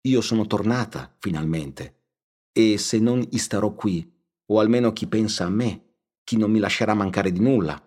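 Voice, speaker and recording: A man voicing a humble, pious young village woman who speaks earnestly, gently and firmly in an audiobook reading. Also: on the low side, moderate pace, voice pushed up, natural voice.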